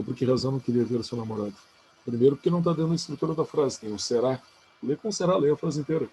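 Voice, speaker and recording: A man's voice: medium pitch, warm tone, slight background noise, rough recording. A man giving a casual spelling review lesson, chatty and coaxing, often checking in with the listener. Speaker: Portuguese teacher.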